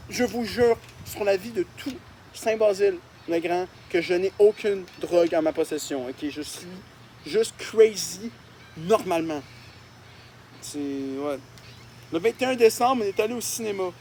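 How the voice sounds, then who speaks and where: A young Québécois man with a high-pitched voice riffs on his own childhood drawings in a casual vlog. He mocks himself and swears freely, and there is a faint hum behind him. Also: measured pace, a little mellow. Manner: mocking, self-deprecating, swears often. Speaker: YouTuber.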